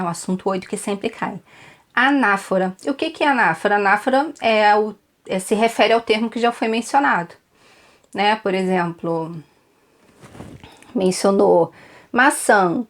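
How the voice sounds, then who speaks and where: A woman with a Brazilian accent giving an online exam-prep lesson, chatty and repetitive, often checking in with her students. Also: medium pitch. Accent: Brazilian Portuguese. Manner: chatty, repeats tips, frequent "tá?" check-ins. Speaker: Portuguese teacher for exam prep.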